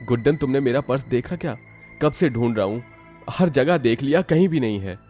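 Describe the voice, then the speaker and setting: A man's voice: medium pitch, lively intonation, a little fast, darkish tone, faint music behind, close to an everyday voice. A man voicing a mildly exasperated young husband who scolds in a plain, reasonable way. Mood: puzzled.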